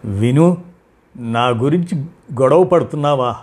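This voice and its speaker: A man voicing a frail elderly father who speaks gently and wearily. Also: medium pitch, expressive. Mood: weary. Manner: tired, soft-spoken, slow.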